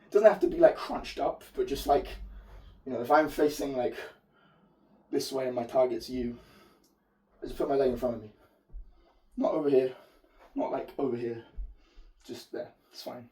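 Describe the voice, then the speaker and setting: A man who is losing his voice and sounds hoarse, giving an informal martial arts tutorial as an instructor demonstrating technique. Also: mid-range voice, normal speed, long pauses, warm tone. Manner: informal, explanatory, occasional swearing. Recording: distant mic.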